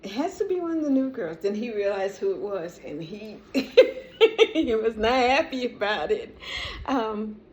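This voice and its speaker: A middle-aged woman vlogger telling a personal story in a casual, animated way, often laughing and praising. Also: mid-range voice, moderate pace. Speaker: vlogger sharing a testimony.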